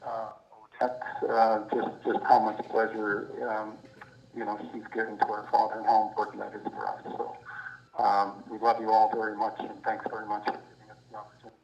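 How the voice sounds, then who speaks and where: A man calling in over a speakerphone to give a halting spoken tribute at a memorial. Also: on the low side, completely flat delivery. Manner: halting, with many fillers and restarts. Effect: heard over a speakerphone. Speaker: family member calling in to a memorial. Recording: lo-fi echoey speakerphone audio.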